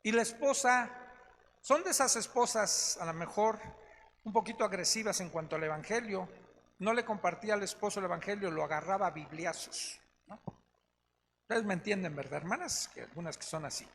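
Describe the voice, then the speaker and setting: Speaking a little fast in a high, fairly bright voice, a man preaches a conversational Bible study as pastor. He keeps checking on his audience with "¿no?" and "¿sí?", and the church meeting hall sounds echoey with a bit of faint noise.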